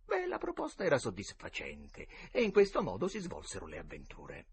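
A man reading a children's classic aloud with expressive narration. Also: medium pitch, normal speed, slightly rough. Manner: animated, dramatic. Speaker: audiobook narrator.

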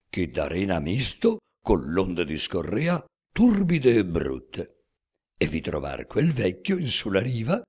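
A man recites epic poetry in a slow, declamatory style. His deep voice swings through wide, dramatic rises and falls. He lingers on each line. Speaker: reader.

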